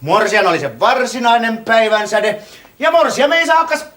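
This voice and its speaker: A man performing a comic theatre monologue as a tipsy wedding guest, telling the story boisterously and swinging between shouts and hushed awe. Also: extremely high pitch, animated. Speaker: stage performer.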